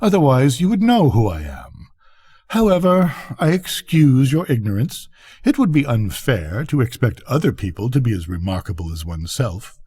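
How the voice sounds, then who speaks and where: Man as vain talking firework, haughty, self-important, animated pitch, husky, storybook character. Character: pompous, conceited male firework rocket, haughty and vain.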